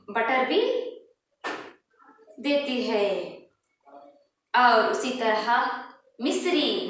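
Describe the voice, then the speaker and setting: High, bright-voiced woman teaching in an echoey room. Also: recorded from a distance. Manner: explains patiently, repeating words with English glosses. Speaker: primary school Hindi teacher. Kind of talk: online classroom lesson.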